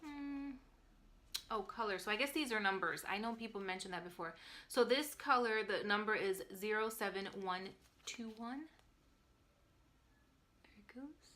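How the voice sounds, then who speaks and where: Bright-voiced chatty woman vlogger. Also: mid-range voice, fairly quick. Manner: chatty, rambling, with many restarts and fillers. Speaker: knitting podcast host. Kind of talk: casual chat to viewers.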